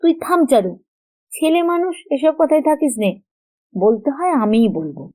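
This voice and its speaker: A practical middle-aged mother who worries aloud in an earnest, slightly high voice, read by a woman narrator. The tone is mellow and soft-edged. She scolds now and then. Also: moderate pace, natural voice, low-quality recording. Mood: scolding.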